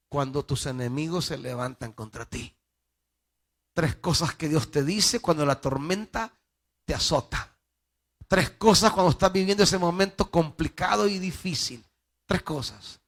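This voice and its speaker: Emphatic Salvadoran pastor preaching slowly. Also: male voice, a little high. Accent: Salvadoran Spanish. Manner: emphatic preaching with sudden loud peaks and soft drops. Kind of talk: sermon.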